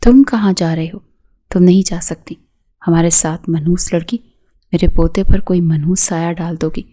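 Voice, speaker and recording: A woman's voice: on the low side, steady tone, mellow, close to an everyday voice. A woman voicing a domineering middle-aged mother-in-law who scolds and hisses with anger. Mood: venomous.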